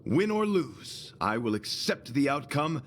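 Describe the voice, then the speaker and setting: A man's mid-range voice moves in a sing-song rhythm at a measured pace, with a little hiss or hum audible. He performs video game dialogue as a chivalrous young knight devoted to beauty, formal, flowery and solemn in his speech.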